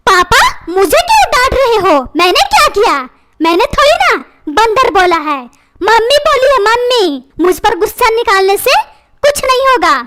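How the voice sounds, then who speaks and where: A cheeky, whiny cartoon schoolboy, voiced by a woman tattles and talks back in a very high, bouncy voice. It is comic dubbing, full of childish complaint. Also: noisy background.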